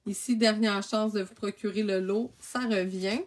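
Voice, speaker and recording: A woman's voice: mid-range voice, fairly even intonation, normal speed. A woman with a Québécois French accent giving a casual, chatty rundown of craft products, often restarting her sentences and laughing at her own slips. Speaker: craft supply consultant.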